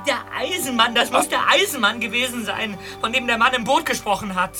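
An actor playing a nervous, jittery teenage boy detective in an audio drama, stammering and excitable. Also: very high voice, a little fast, over music. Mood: frightened. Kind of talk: German audio drama acting.

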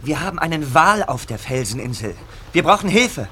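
Earnest young friend for a radio play, lively and a bit high. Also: male voice, moderate pace, noisy background.

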